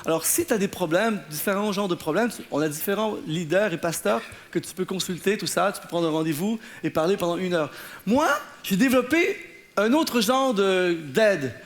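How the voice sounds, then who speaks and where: A man's voice: sits high, moderate pace. A man, a pastor preaching to a live audience and acting out the people in his anecdotes. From Canada. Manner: animated storytelling, acting out the people in his stories. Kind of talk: sermon. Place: church in front of an audience, laughter heard.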